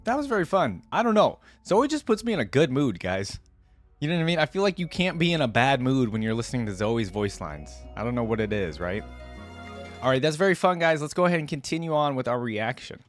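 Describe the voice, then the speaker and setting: In a brisk, sing-song mid-range voice, a man reacts to content as a video host. His commentary is casual and enthusiastic, aimed right at viewers he calls "guys," with music playing behind.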